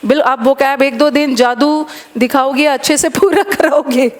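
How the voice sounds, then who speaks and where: A woman's voice: sits high, a little slow. A woman with an Indian accent, an English teacher chatting in a live online class, switching between Hindi and English and reading out student comments.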